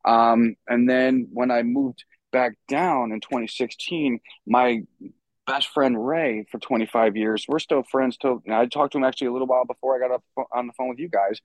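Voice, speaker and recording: On a rough recording with no echo, this stagehand and musician from New York chats as a podcast guest, spinning stories in a meandering way packed with fillers and offhand cursing. His mid-range voice keeps a fairly even intonation at a moderate pace.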